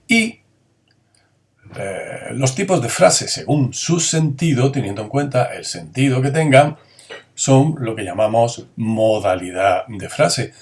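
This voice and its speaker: A man teaching a grammar lesson. He asks his students questions, answers them himself, and acts out the intonation of each example sentence. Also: mid-range voice.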